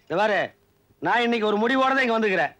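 A man's voice: high voice, animated, quick pace, a bit bright. An actor playing a gray-haired village man who grumbles and teases in a film scene. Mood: grumbling.

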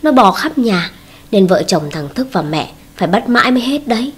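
A woman voicing a sleepy older mother-in-law who speaks calmly and matter-of-factly in a storybook reading. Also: medium pitch, normal speed, breathy edge. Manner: calm, matter-of-fact.

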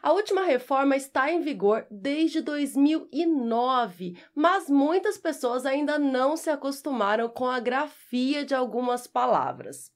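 A woman from Brazil with a Brazilian accent, teaching a scripted grammar lesson and spelling out syllables clearly. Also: high-pitched, expressive. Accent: Brazilian Portuguese. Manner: slow, clear, syllable-by-syllable explanations. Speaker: Portuguese teacher.

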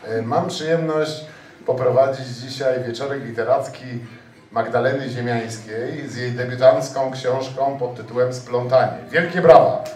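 A man's voice: mid-range voice, fairly even intonation, a little slow, a little mellow. A man hosting a live literary evening and putting questions to a guest. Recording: echoey room, distant microphone, faint noise.

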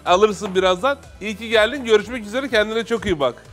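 A man's voice: high-pitched, fairly quick, fairly bright tone, faint music behind. A man speaking as the off-screen voice-over host of a gaming show, with dry, teasing banter.

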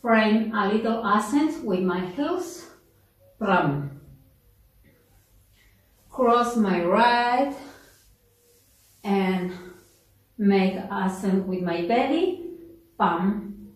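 A woman's voice: mid-range voice, lively intonation, drawn-out words, pauses often. A woman teaching a dance class, counting steps and giving cues in a room with no mirror. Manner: counts steps aloud and switches between Spanish and English. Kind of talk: online dance class instruction. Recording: roomy echo, mic far off.

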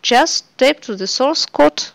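Woman, screencast narrator, even instructional read, dry close mic. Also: sits high, slow pace, gravelly, no room sound, low-quality recording. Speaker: software tutorial presenter.

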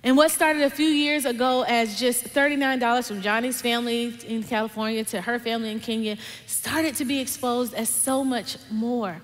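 A young adult woman giving a conversational, dynamic sermon as a guest speaker, dropping to soft emphasis on key words. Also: fairly high pitch, fairly even intonation, normal speed, few pauses. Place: large church stage with lights and screens. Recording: long hall reverb from a big auditorium.

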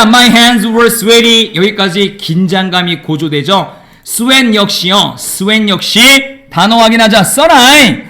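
A man teaching an English grammar lesson in a classroom, lively and teasing with his students. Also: high-pitched.

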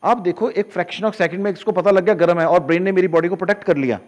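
A man teaching in a casual lecture to camera, animated, acting out inner voices in asides. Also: fast talker. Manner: animated, acts out inner voices with sudden drops in pitch and loudness. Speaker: spiritual teacher.

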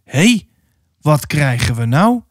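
A man voicing a crude young male cattle driver who jeers and shouts in a storybook reading. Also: medium pitch, big pitch swings, unhurried, no echo, studio quality. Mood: leering. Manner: jeering, shouting coarsely.

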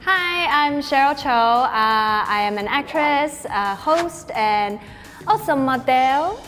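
A woman's voice: high voice, expressive, slow, a bit bright, big-room sound, soft background music. A woman actress and host introducing herself to trainees, upbeat and giggly. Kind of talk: self-introduction on camera. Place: studio set, seated.

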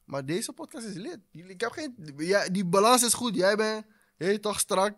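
Animated high-voiced man, dry mic. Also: moderate pace, no room sound. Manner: animated, repeats himself while making a point. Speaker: guest artist. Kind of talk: casual podcast chat.

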